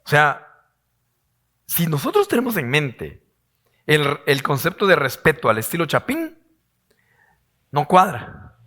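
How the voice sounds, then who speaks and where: A man preaching a sermon as pastor, his voice hoarse, asking rhetorical questions and acting out quoted voices. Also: fairly high pitch, big pitch swings, takes it slowly, long pauses, sharp tone.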